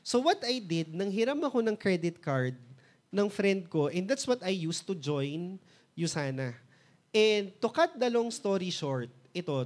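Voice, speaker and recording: A man's voice: sits high, darkish tone. A man in his thirties from the Philippines with a Filipino accent. He is a mentor telling his own success story, switching between Tagalog and English and acting out remembered conversations. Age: 30s. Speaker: mentor and motivational speaker. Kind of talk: personal success story talk.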